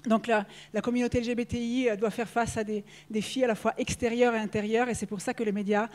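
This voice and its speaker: A woman giving a prepared speech at an award ceremony in a halting, hesitant way. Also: a little high, level tone, a little mellow. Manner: halting delivery with many hesitations.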